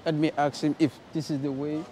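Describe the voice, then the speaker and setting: With a crowd audible behind him, the young man from Nigeria talks a little fast in a fairly high voice with little pitch movement. It's casual, friendly travel vlog narration, thinking aloud to an action camera at arm's length inside an airport train station and carriage.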